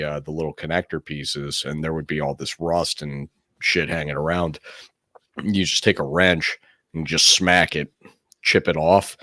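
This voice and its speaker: Very deep-voiced rambling male co-host. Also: bright, forceful tone, no room sound, clean studio sound. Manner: rambling, profane, self-correcting. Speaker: podcast co-host. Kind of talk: casual sports chat.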